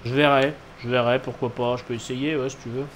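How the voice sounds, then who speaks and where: A man's voice: mid-range voice, little pitch movement, fairly quick. A man giving casual live commentary as he streams a game, with noncommittal, shrugging asides. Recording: clear background noise, game ambience.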